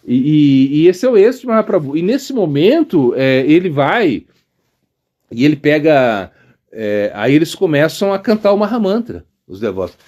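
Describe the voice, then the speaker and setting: A Brazilian monk tells a devotional story with an animated, swooping delivery. His voice sits a little high for a man and jumps far up and down as he acts out the characters. He speaks with a Brazilian Portuguese accent and fills his talk with fillers. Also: normal speed. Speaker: monk and spiritual teacher.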